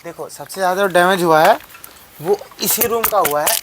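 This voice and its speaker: A young man vlogs a tour of an old mud house on a phone camera, speaking directly to viewers in a rambling way and repeating his phrases. His voice is high-pitched at a moderate pace, with a noisy background.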